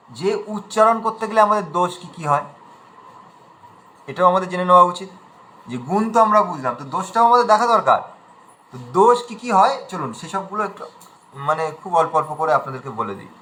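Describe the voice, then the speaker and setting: A man with a high, bright voice leads an online recitation class. He explains patiently in plain talk and chants each verse line slowly and drawn out to demonstrate it. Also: poor audio. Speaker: recitation teacher.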